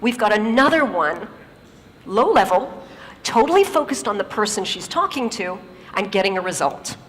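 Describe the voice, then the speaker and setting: A woman's voice: medium pitch, normal speed, big-room sound, a little hiss or hum. A woman giving an emphatic public talk, telling stories on stage. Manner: storytelling, lively and emphatic. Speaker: speaker.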